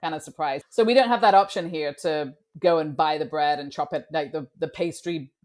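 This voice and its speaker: A woman from the United States co-hosting a podcast in relaxed casual chat, asking questions and laughing easily. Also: low voice, brisk. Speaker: podcast co-host.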